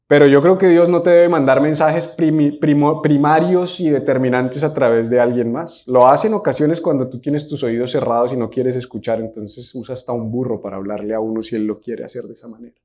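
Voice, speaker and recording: A man's voice: mid-range voice, fairly even intonation, fairly quick, few pauses, warm tone. A man preaching a sermon as a pastor, emphatic, with rhetorical questions and call-and-response with the congregation. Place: church service.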